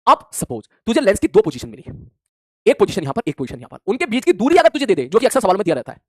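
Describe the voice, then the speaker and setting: Lively fast-talking male physics teacher. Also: high-pitched, no echo, studio quality. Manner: animated, plays out imagined student replies. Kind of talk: classroom lecture.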